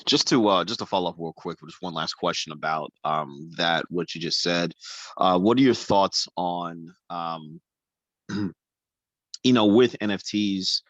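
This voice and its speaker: Very deep-voiced man, dry close sound. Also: fairly bright tone, no room sound. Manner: halting, many fillers. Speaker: host asking questions. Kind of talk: conversational Q&A.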